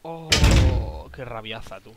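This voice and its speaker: A man talks through his game as a let's play host, cursing constantly and grumbling to himself. His voice sits at an ordinary mid pitch for a man. Loud background noise with clicking runs under the recording. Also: very animated, slow pace. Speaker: gaming channel host.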